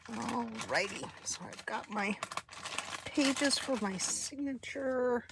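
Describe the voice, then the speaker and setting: A woman with a froggy, hoarse voice, quietly talking through a paper crafting tutorial in a half-whisper while she works. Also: on the high side, drawn-out words, heavy background noise. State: clearing throat, hiccups. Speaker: paper craft video creator. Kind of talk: soft-spoken crafting tutorial.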